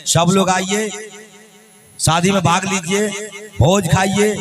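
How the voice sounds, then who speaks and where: A man's voice: high voice, steady tone, takes it slowly, crowd noise. A man playing a chubby, joking palace soldier in a folk stage comedy, teasing in a sing-song way.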